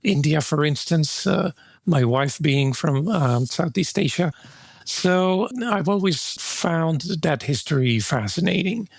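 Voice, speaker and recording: A man's voice: fairly high pitch, lively intonation, slow pace, vocal fry, no echo. A man from Mexico, a guest author, answering interview questions in a reflective way, with fillers and restarts.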